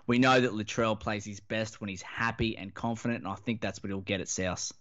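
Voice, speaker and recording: A man's voice: on the low side, steady tone, fairly quick, a bit bright. A man with an Australian accent chatting casually about sport in a laconic, blokey, slangy drawl, as a podcast panellist. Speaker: fantasy rugby league podcast panellist. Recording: dull, lo-fi audio.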